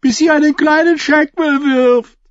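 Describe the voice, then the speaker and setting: A man voicing a crude, vicious male jester-outlaw who crows shrill, leering taunts. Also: steady tone, measured pace, no echo. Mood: lewd boasting. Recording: dull, lo-fi and dry.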